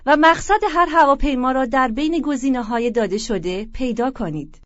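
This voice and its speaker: A woman's voice: high voice, racing, dry recording. A woman narrator reading out scripted exercise instructions. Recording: dull, lo-fi audio.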